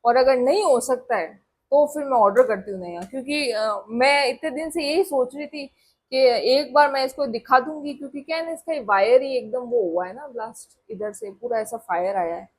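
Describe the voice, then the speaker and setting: Young woman vlogging, rambly chat, kinda husky, bit high pitched, calls everyone guys. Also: lively intonation, normal speed. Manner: chatty, rambling, addresses viewers as guys. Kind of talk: casual chat to camera.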